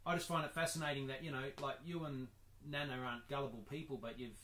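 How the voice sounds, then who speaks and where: A man's voice: mid-range voice, fairly even intonation, fast, pushed and bright. A man with an Australian accent, interviewing family casually over a video call. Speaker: interviewer, grandson.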